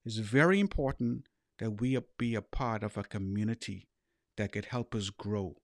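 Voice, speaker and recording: Recorded dry and at studio quality, this middle-aged life coach and podcast host speaks in a lowish voice with a Bahamian accent. His motivational talk is earnest and emphatic, and he keeps circling back to the same key phrases.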